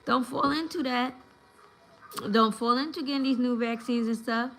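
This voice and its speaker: A woman's voice: on the high side, normal speed, a bit bright, rough recording. A woman in her thirties from New York, chatting casually on a home livestream and giving advice to her viewers. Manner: chatty, advice-giving, acts out voices in anecdotes. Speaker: livestream host.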